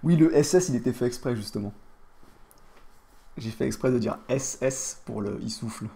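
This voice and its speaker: A man's voice: medium pitch, moderate pace, creaky, dark tone, a little hiss or hum. A man streaming live, chatting crudely and joking with his chat.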